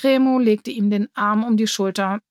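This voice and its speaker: A woman narrating a children's story in a calm, even storytelling manner. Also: medium pitch, normal speed, no room sound, studio quality. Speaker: story reader.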